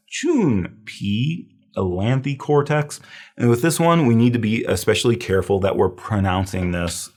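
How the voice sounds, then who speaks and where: A man lecturing on herbal medicine in a recorded review, explaining patiently and repeating key terms slowly. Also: deep voice, a little mellow.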